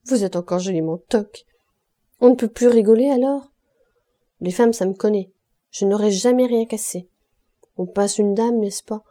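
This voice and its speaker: A woman's voice: medium pitch, moderate pace, pauses often, mellow, close to an everyday voice. A woman voicing a drunken, leering male zinc worker who blusters and sneers.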